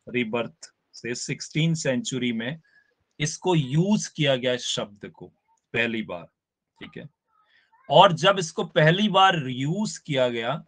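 A man's voice: medium pitch, a bit bright. A man teaching a live online class, explaining step by step and often checking in with his students. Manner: spells out words slowly for emphasis.

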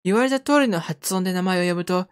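A woman's voice: fairly low pitch, quick pace, clear, resonant tone, close to an everyday voice. Woman reading a wry, bewildered young man. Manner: wry narration. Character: bewildered young man with no memory, dry inner voice. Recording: game music underneath.

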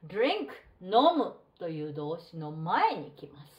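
A woman's voice: lowish voice, big pitch swings, highs cut off. Middle-aged woman teaching English. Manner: slow, drawn-out model reading of English phrases. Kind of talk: textbook lesson for students. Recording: roomy echo.

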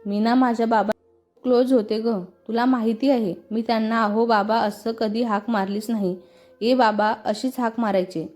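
A woman's voice: a little high, fairly even intonation, moderate pace, darkish tone, faint music behind, natural voice. A woman voicing a young woman who tenderly confides her grief over her late father, in a storybook reading. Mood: grieving. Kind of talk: storybook dialogue.

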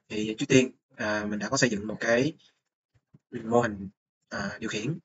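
Young male student presenter, halting delivery full of fillers, dull low-fi mic with faint hiss. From Vietnam. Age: young adult. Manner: hesitant, many filler sounds. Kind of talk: screen-recorded course report.

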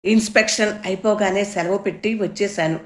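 A woman's voice: mid-range voice, steady tone, brisk, echoey room, natural voice. A woman voicing an anxious, caring middle-aged mother who fusses over her daughter, raised a little above her own reading voice. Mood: reassuring. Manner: fretful and fussing, then soothing.

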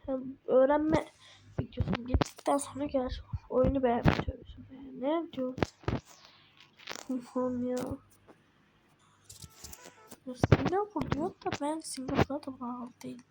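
A woman's voice: high-pitched, unhurried, pauses often, heavy background noise. A woman giving casual commentary while playing a game, talking to herself and getting exasperated. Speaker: gaming video host.

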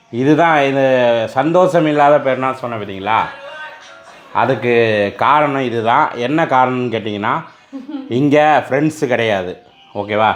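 A man hosting a casual family vlog, talking glumly straight to his viewers. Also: medium pitch. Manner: glum, talks straight to viewers, sings a sad song a few times. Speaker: family vlogger.

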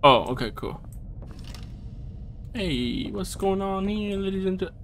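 A man's voice: sits high, lively intonation, slow, a bit bright, slight background noise. Profane, reactive gaming man. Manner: profane, reactive, talks to himself and the game; slangy casual speech. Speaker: gaming video host. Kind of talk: let's-play commentary.

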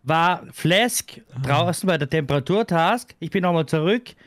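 Man calmly walking through his alibi. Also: a little high, moderate pace, no room sound, studio quality. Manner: lays out events step by step, defensive. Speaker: game player. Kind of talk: casual voice chat during a social deduction game.

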